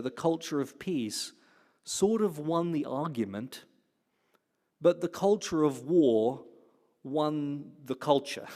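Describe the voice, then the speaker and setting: A man giving a lecture-style address to a gathered audience, animated and playful, putting questions to the listeners. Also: fairly high pitch. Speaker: platform speaker. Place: hall with an audience. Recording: long hall reverb.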